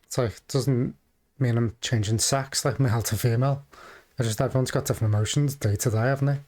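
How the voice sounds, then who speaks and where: A man's voice: mid-range voice, steady tone, darkish tone. Hesitant, rambling man commentating casually. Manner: hesitant, halting, rambling delivery. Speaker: reaction video host.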